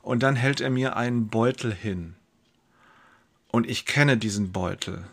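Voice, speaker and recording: A man's voice: medium pitch, a little slow. Man doing a young carpenter narrator, pious, anxious, brooding, emotional outbursts, first-person story. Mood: tense.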